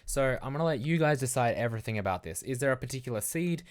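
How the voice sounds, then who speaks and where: Talking fast and animatedly at a medium pitch, this Melbourne livestream host rambles in a loose, casual way, thinking aloud as he goes.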